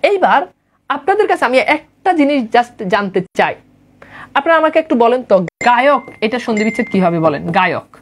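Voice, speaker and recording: A woman's voice: fairly high pitch, big pitch swings, brisk. A woman teaching a grammar lesson online, repeating points and quizzing her listeners. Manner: repetitive, drilling, quizzes listeners often.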